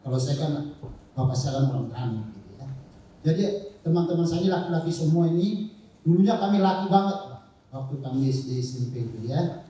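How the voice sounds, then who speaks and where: A man telling a relaxed, jokey story about his childhood friends at a church event. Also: a little high, brisk. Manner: easygoing, jokey. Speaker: co-speaker. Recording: echoey church hall from far off.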